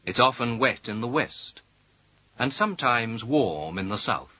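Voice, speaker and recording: Slow careful guy reading course lines, bright voice, lively pitch, dull old tape sound. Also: no room sound. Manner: slow, careful, clearly spaced delivery. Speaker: language course speaker. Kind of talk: slow scripted course dialogue. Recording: dull lo-fi audio.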